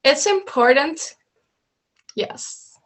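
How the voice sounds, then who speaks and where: Extremely slow yet lively in intonation, a woman with a high, fairly bright voice coaches students through slides in an online meeting. She speaks steadily and instructively, with a few slips and restarts, from a home room with bookshelves.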